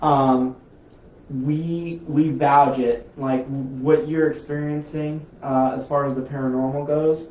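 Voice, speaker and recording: A man hosting a paranormal group's live show, telling stories in an animated, rambling way with lots of restarts. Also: fairly high pitch, slow. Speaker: paranormal investigation group host. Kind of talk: casual live-stream chat. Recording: roomy, distant, slightly dull live-stream audio.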